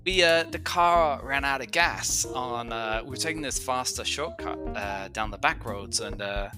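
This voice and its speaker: A man's voice: medium pitch, measured pace, music in the background, lightly acted. A man voicing a flustered young male bartender who stammers and pleads defensively. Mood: sheepish.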